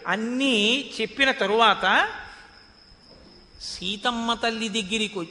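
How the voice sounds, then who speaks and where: High, bright-voiced male preacher chanting verses. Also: takes it slowly. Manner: chants verses then explains them. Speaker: religious discourse speaker. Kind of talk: devotional epic discourse. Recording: long hall reverb.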